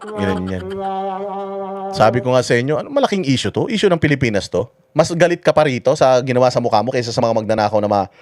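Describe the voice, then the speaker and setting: A man's voice: mid-range voice, lively intonation, fast, a little mellow. A man hosting a casual commentary stream, crude and mocking, joking his way through stories. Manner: crude, mocking, jokey, switches into voices for anecdotes. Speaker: host of a political commentary livestream.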